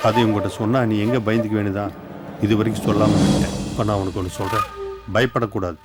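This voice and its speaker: A man playing a calm reassuring husband. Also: on the low side, fast, natural voice. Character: man husband selling a haunted house. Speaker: husband in a horror film. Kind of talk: film dialogue. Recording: film soundtrack with music.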